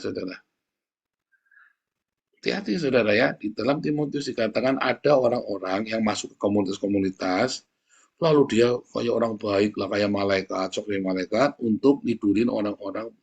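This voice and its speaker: A man's voice: mid-range voice, slightly rough. A male pastor, preaching bluntly and scolding his listeners directly. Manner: blunt, scolding, repeatedly addresses listeners as brothers. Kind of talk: blunt sermon to an online congregation.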